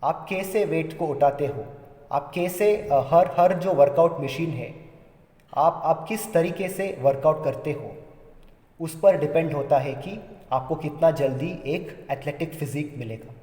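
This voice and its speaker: A man with a fairly high, mellow voice gives an unhurried spoken pronunciation lesson, often repeating and restarting his phrases. He sounds recorded in an echoey room with a long reverb tail. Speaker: religious teacher.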